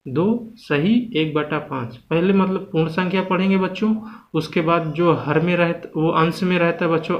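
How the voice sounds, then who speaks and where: This man speaks with a slightly higher voice as he teaches maths to children. He keeps asking little questions and answering them himself, stretching out the numbers he reads. The audio is muffled and lo-fi, with a faint hiss behind it. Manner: slows down and stretches out numbers he says aloud. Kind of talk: classroom-style maths lesson for children. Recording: dull, lo-fi home recording with faint background hiss.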